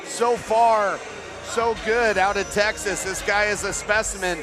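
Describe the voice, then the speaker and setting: A man's voice: high-pitched, steady tone, unhurried, over loud music, over a noisy crowd. A man giving live play-by-play boxing commentary, setting up the fight and the fighters' records.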